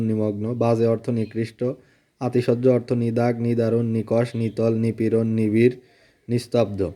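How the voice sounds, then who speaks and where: A man with a Bangladeshi Bengali accent, reading a grammar word list aloud in a steady teaching style. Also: medium pitch. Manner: flat, steady word-by-word listing.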